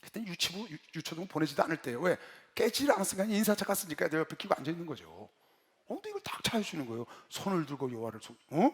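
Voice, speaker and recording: A middle-aged man preaching an animated sermon, telling stories dramatically and swinging from loud shouts to hushed asides. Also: a little high, fast. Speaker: pastor. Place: large convention hall. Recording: reverberant hall.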